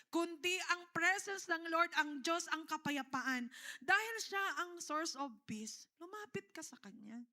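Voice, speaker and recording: A Filipino woman pastor preaching with a high, ringing voice. Her tone is bright and carrying, and she keeps calling out to the congregation between points. She sounds middle-aged. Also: lively intonation, measured pace. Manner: preaching in mixed Tagalog and English, with repeated calls to the congregation. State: tearful. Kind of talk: sermon.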